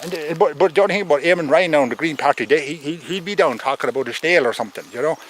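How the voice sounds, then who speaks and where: A man's voice: a little high, very fast, a bit bright. A man with a thick rural Irish accent giving a rambling comic monologue as an opinionated farmer, stammering, repeating himself and swearing.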